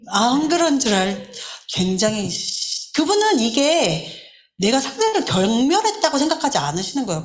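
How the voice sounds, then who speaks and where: A woman teaching a church class, telling a story from her own home. Her fairly high voice rises and falls a great deal. She acts out the lines she quotes.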